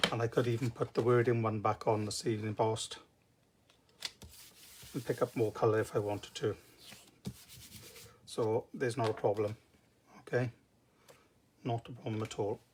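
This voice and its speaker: A man's voice: medium pitch, level tone, moderate pace, pauses often. Welsh man demonstrating crafts, noisy recording. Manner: informal, step-by-step explaining. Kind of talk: casual live craft tutorial. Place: indoor craft table. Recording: noticeable background noise with clicks.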